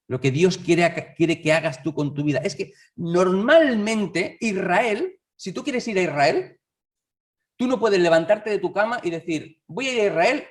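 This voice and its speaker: Man, sermon, conversational, rhetorical questions, fairly high voice, distant mic. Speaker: lay preacher. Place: church hall.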